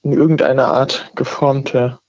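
A man's voice: medium pitch, level tone, a little slow, darkish tone, no room sound. A man in his twenties calling in over the phone to a radio talk show, speaking hesitantly and hunting for words. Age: 20s. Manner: hesitant, searching for words with many fillers. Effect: heard over the phone. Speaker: caller. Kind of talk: casual call-in chat. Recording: dull, lo-fi phone line.

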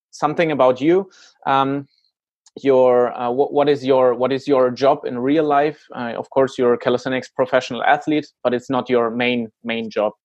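A man's voice: mid-range voice, a little mellow. A man hosting a casual interview, putting questions to his guest in a conversational way. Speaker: interviewer, host. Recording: roomy, slightly muffled lo-fi sound.

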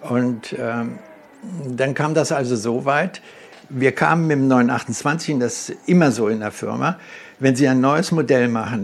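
Gravelly German man telling a story. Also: mid-range voice. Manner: storytelling, acts out quoted dialogue, hesitant fillers. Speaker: interviewee, car designer. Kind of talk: reminiscing in an interview.

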